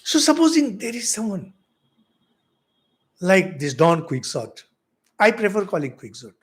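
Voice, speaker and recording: A middle-aged Indian man with an Indian English accent, a monk giving a spiritual lecture, asking rhetorical questions with big swings in loudness. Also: high voice, sing-song, normal speed. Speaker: monk teaching spiritual philosophy.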